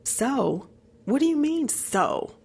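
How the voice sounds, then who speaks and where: Actress as husky, pressing small-town woman. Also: sits high, big pitch swings, slow, heavily acted. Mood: worried, confronting. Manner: pressing, accusatory. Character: tense, nagging small-town woman with secrets. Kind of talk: audio drama acting.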